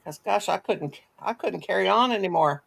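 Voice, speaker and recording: A woman's voice: mid-range voice, expressive, moderate pace, vocal fry, fairly bright tone, breathy edge, poor audio. A woman hosting a casual crochet video call, chatty and folksy, teasing her friends. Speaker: host of a crochet livestream. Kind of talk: casual group video chat.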